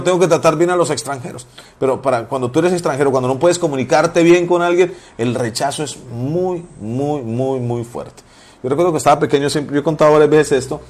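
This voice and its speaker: A male pastor, his voice sitting a little higher than most men's. He preaches in a loose, conversational way, lingers on personal stories and hammers home key phrases by repeating them. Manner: animated storyteller, repeats phrases for emphasis.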